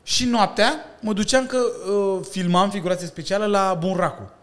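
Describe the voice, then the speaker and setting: A man in his thirties, a breakdancer and stuntman, chatting as a podcast guest and telling lively stories with slang and laughter. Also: sits high. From Romania. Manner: animated storytelling with slang and laughter. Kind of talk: casual chat.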